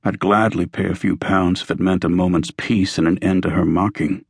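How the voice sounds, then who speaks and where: A man's voice: sits low, steady tone, moderate pace, vocal fry, breathy edge, no room sound, clean studio sound, heavily acted. A man reading a weary, wry thief-taker. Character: weary male thief-taker, dry and grudging. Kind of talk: audiobook character voice.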